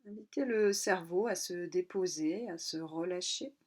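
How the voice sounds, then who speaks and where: Pitched fairly low, a woman's voice leads listeners through yoga nidra relaxation. Her manner stays calm and slow, with pauses following each short instruction.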